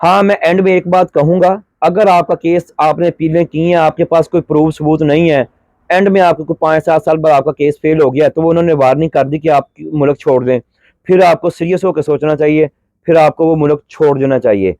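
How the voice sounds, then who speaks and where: A man's voice: a little high, fairly even intonation, darkish tone, no room sound. A middle-aged man from Pakistan giving brotherly, pleading advice in a vlog, feeling a little unwell. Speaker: vlogger giving advice to migrants.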